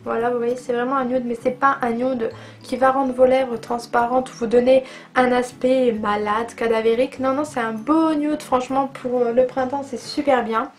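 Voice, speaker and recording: A woman's voice: fairly high pitch, steady tone, moderate pace, soft background music. A woman chatting enthusiastically in a casual beauty vlog, reviewing makeup products with plenty of fillers. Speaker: beauty vlogger.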